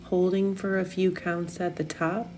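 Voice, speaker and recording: A woman leading a guided meditation, giving soothing, unhurried instructions with long pauses. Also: on the low side, flat delivery, a little mellow, slight background noise.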